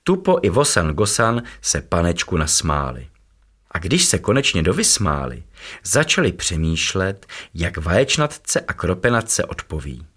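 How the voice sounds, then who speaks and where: A man with a low voice tells a bedtime story to children, expressive and playful. His pitch rises and falls a great deal as he reads. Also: husky.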